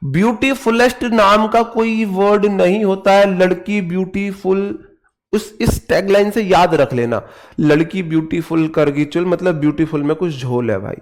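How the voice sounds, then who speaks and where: A young man with a North Indian Hindi accent teaches an online grammar class. His voice sits a little high and he speaks slowly and unhurriedly, drawing out example words. He teases and mock-scolds his students as he goes. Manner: teasing, jokey, scolds students playfully, drills words slowly.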